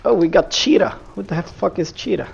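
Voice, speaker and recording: A man's voice: sits high, brisk, gravelly, husky, highs cut off. A man live-streaming and chatting on voice chat, hesitant and stumbling over words.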